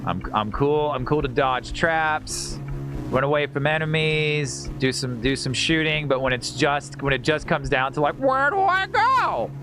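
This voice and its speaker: Over game music, a male livestream host plays a video game and talks in a somewhat high, expressive voice, a little slowly. His chatter is rambling and stammering, full of repeated words, slang and salty profanity.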